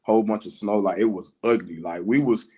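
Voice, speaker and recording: Co-host, man, lower register, relaxed slangy banter. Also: a little fast, husky. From Louisiana. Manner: laid-back, slangy, laughs often. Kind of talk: casual chat. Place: home.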